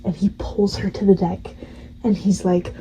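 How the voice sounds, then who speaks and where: A woman's voice: mid-range voice, level tone, normal speed, dark tone, breathy edge, rough recording. A young woman hosting a gaming channel, rambling casually through a game's story and laughing at it. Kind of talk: casual story recap of a game.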